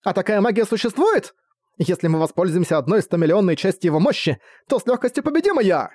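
Plucky young girls from a fan club as a man reads them, high chirpy voices, rallying each other, dry close sound. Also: big pitch swings, fast, a little mellow, no room sound. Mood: eager. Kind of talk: audiobook character voice.

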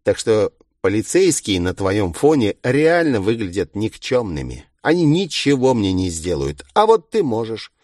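A man's voice: on the low side, big pitch swings, measured pace, few pauses, a little mellow, no room sound, studio quality. A man voicing a gleeful, mocking murderous villain in a taunting, singsong manner. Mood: gloating. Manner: taunting, singsong, cruelly playful.

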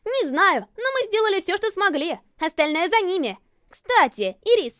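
A woman's voice: very high voice, very animated, normal speed, fairly bright tone, pitched above the performer's own voice, heavily acted. A woman voicing a reckless, gleeful young woman driver who barks orders, in a storybook reading. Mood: bossy. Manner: bossy and brash, barking orders.

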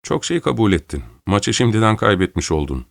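A man's voice: fairly low pitch, very animated, fairly quick, vocal fry, no echo. A man voicing a male boxing manager who speaks in a dry, matter-of-fact way. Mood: smug.

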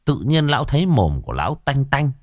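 A man's voice: medium pitch, sing-song, fairly quick, darkish tone. A man telling an earthy, crude comic village story.

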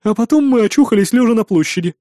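A male reader voicing a strong, loud innkeeper woman who gushes and turns stern in a flash. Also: lively intonation, fast talker, no echo, clean studio sound. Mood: gushing. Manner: booming, gushing, then stern. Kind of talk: audiobook character voice.

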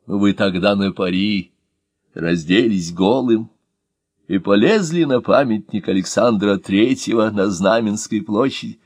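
A man reading an audiobook and voicing a gruff former police officer. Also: lowish voice, measured pace, darkish tone, no room sound, clean studio sound. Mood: grumbling.

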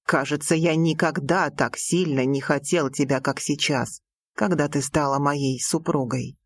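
A woman reading an audiobook, voicing a passionate, teasing young prince with slow, low, intimate delivery. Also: steady tone, no echo. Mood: tender.

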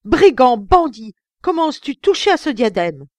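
A woman voicing an outraged middle-aged male banker who shouts accusations at his son, in an audiobook. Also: medium pitch, normal speed, dry recording, studio quality, natural voice. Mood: furious.

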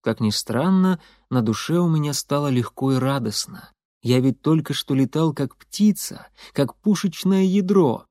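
Man narrating a lively audiobook. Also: fairly high pitch, measured pace, dry recording. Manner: lively, expressive storytelling. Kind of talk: first-person audiobook narration. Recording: dry close studio sound.

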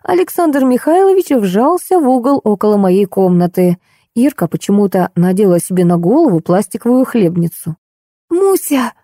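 Женщина с мягким тёплым голосом читает ироничную прозу. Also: female voice, mid-range voice, animated, moderate pace, warm tone, no echo, studio quality. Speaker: audiobook reader. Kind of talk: scripted narration.

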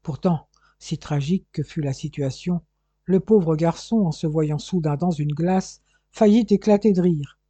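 A man narrates a detective novel with steady, measured reading. His voice is very dark and somewhat husky. The recording is dry and close. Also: on the high side, no echo. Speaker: audiobook narrator.

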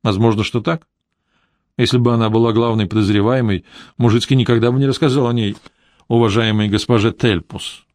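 Спокойный мужчина-чтец аудиокниги. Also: male voice, mid-range voice, steady tone, fairly quick, a little mellow, no echo, studio quality. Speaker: audiobook narrator. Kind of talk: scripted narration.

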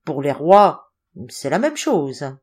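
A woman's voice: low voice, sing-song, slow pace, darkish tone, breathy edge, full character voice. A woman reading the part of a sceptical, needling male office clerk who loves to scandalize his colleagues. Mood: mocking. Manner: sardonic, needling.

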